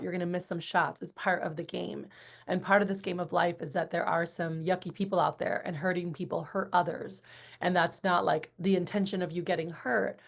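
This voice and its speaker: A woman's voice: fairly low pitch, gravelly. A woman in her forties, a guest on a podcast, talking casually with many restarts and acted-out quotes. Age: 40s. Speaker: guest, entrepreneur and coach. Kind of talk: casual podcast interview talk.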